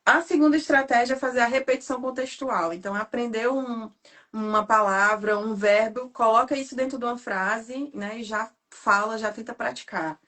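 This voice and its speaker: A woman from Ceará with a Cearense Brazilian Portuguese accent, hosting a casual live interview and telling stories quickly and animatedly. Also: fairly high pitch. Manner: fast talker, animated storytelling. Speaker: host.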